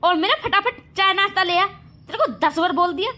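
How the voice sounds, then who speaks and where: An arrogant, spoiled rich young bride from a cartoon family drama, as a woman plays her. Her voice is high, and she sneers as she talks. She speaks with haughty contempt. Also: brisk, close to an everyday voice. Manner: haughty and insulting.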